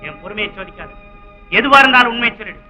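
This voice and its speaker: Strict cop dad, high bright voice, bossy and scolding, old film sound. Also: male voice, a little fast. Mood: stern, angry. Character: stern middle-aged policeman father. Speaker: police constable. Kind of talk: 1960s film melodrama acting. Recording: dull old film soundtrack, faint music.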